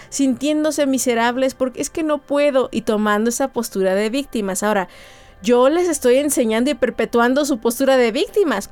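Smooth-voiced woman explaining. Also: fairly high pitch. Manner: expressive, acts out quoted voices. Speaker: speaker explaining relationship psychology. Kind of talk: talk explaining a concept with personal examples.

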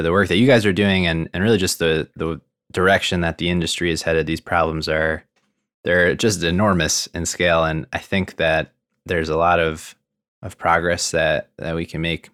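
Male podcast host, notably low pitch, conversational interviewing. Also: steady tone, normal speed, fairly bright tone, clear, resonant tone, no echo, clean studio sound.

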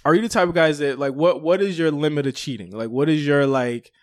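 A man with a fairly high speaking voice hosts a casual podcast chat. He teases his friends and laughs often. He talks in quick bursts. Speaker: podcast host.

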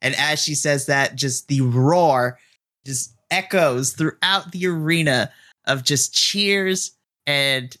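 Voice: medium pitch, slow, bright, forceful tone. A game master narrating a wrestling tabletop game with enthusiasm and frequent laughs.

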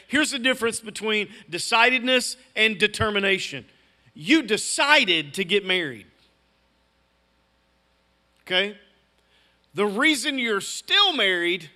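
A man's voice: high-pitched, pushed and bright. A middle-aged man preaching a sermon as pastor, emphatic and repeating key words. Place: church sanctuary.

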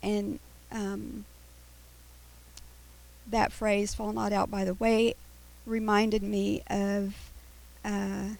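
A woman teacher delivers a Bible lesson in a voice full of vocal fry. Her s sounds whistle noticeably, and she works through each point haltingly, often repeating a word before moving on. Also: mid-range voice, little pitch movement, darkish tone, poor audio.

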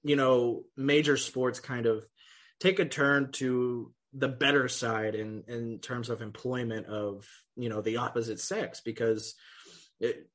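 A man hosting a casual sports podcast, chatting in a relaxed, loose way. He swears freely and breaks into laughs often. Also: medium pitch, unhurried. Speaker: podcast host.

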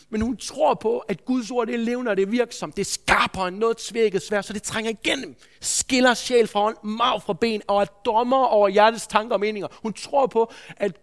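A man's voice: high-pitched, a bit bright. Earnest man telling a sermon story. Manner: earnest, anecdotal, with frequent restarts. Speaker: preacher, school head.

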